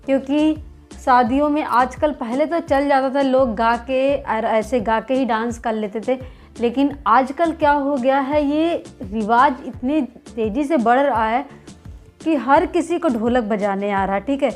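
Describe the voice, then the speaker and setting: A woman with a high voice teaches dholak in a chatty, encouraging way. Her throat is slightly sore. Faint dholak drumming sounds behind her. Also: unhurried, darkish tone, faint music behind. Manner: chatty, encouraging, counts beats aloud. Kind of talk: casual music lesson.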